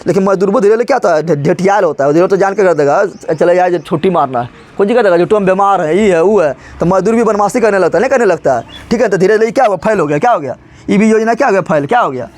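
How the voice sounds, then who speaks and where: A man's voice: high-pitched, lively intonation, racing, a little mellow. A male teacher gives a colloquial, joking history lesson, asking rhetorical questions and repeating key terms. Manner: colloquial and joking, slips into regional dialect. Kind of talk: animated classroom lecture.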